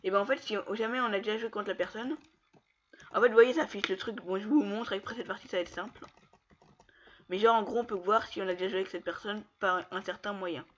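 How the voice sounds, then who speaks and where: A man commenting casually on his own online matches, taunting opponents and breaking into excited yells. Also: sits high, fast talker, highs cut off. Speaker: gamer streaming gameplay.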